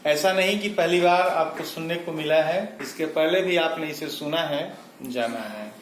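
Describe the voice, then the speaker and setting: A man's voice: a little high, moderate pace. A man giving a grammar lesson, explaining step by step and repeating key definitions for his students. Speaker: Hindi grammar teacher. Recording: echoey room with faint noise.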